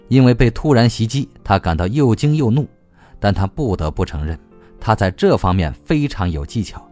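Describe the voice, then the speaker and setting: A man narrating a novel as an audiobook, reading in a lively, expressive way. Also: low-pitched.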